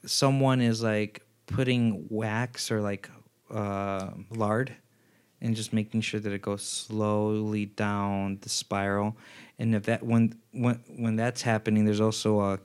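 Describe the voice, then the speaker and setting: A man with a lowish, clean-toned voice co-hosts a podcast, chatting casually. He rambles, filling his speech with fillers and restarts.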